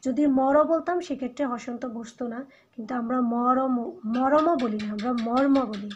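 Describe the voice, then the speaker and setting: A woman's voice: on the high side, brisk, darkish tone, slightly rough. A woman teacher with a Bangladeshi Bengali accent giving a recorded lecture, explaining step by step and repeating example words for emphasis. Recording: dull lo-fi recording.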